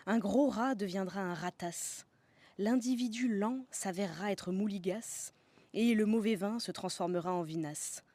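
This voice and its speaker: A woman's voice: mid-range voice, measured pace, warm tone, dry recording. A woman from the south of France, narrating a scripted podcast as host in a playful way, savouring slang words.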